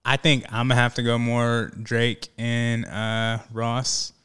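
A man's voice: mid-range voice, monotone, takes it slowly, fairly bright tone, clear, resonant tone. A man co-hosting a podcast, asking questions and chiming in with short agreements. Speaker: podcast co-host. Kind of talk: casual chat.

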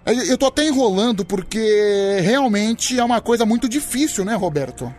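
A man's voice: high-pitched, expressive, normal speed, darkish tone. A man hosting a comic radio show, teasing and stalling with playful exasperation.

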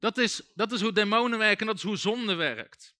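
A man's voice: high voice, a little fast, pushed and bright, no room sound, studio quality. A man preaching a sermon in a conversational way, full of asides and restarts.

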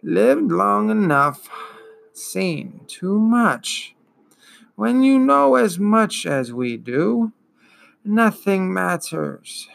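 A man puts on the voice of an ancient female swamp turtle, worn out by endless years, wheezing and gurgling through every word. Her slow, drawn-out speech rumbles with gravelly fry, yet stays sing-song and fairly bright, heavily acted, with a weary, indifferent mood.

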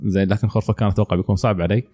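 A man's voice: on the low side, fairly even intonation, very fast, mellow. A man hosting a podcast interview, nudging his guest along with short affirmations. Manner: brief affirmations, friendly prompting. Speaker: podcast host.

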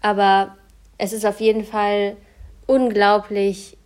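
A woman in a casual chat, calm and reflective, giving short agreeing replies and then sharing her view. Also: mid-range voice, slow, clear, resonant tone.

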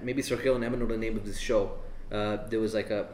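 Quick-talking man in an echoey room. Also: fairly low pitch, fairly even intonation, darkish tone, slight background noise. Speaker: cricket commentator and show host. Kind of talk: casual chat. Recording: roomy echo.

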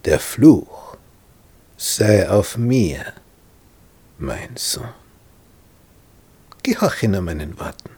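A man's voice: fairly low pitch, very animated, drawn-out words, pauses often, warm tone, husky, no room sound, heavily acted. Rebekka, a man doing a whispering scheming mother. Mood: conspiratorial.

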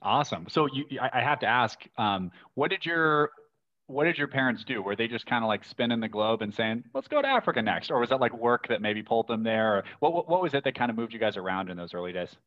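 A man's voice: medium pitch, big pitch swings, quick pace, muffled recording. A man hosting a podcast, asking loose, friendly questions full of fillers. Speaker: podcast host. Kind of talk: casual interview hosting.

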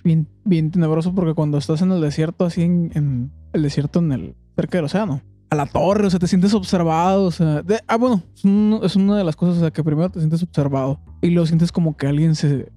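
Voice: medium pitch, fairly quick, dark tone, no room sound, faint music behind. A speaker with a Mexican Spanish accent telling a camping anecdote in a hesitant, casual way. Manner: hesitant, many restarts and fillers.

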